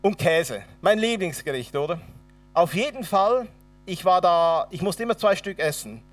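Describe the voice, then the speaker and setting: A man's voice: sits high, animated, normal speed, far from the mic, soft background music. A man with a Swabian accent preaching a sermon and telling his own testimony, acting out the dialogue dramatically. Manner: dramatic storyteller, acts out dialogue.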